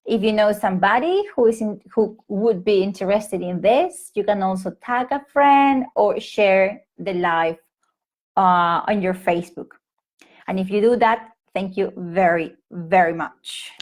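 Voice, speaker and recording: Speaking at a measured pace in a mid-range voice, a thirtysomething Peruvian woman with a Peruvian Spanish accent chats informally to English teachers. She's on a home live stream using a laptop or phone mic, and she uses lots of fillers and keeps restarting her sentences.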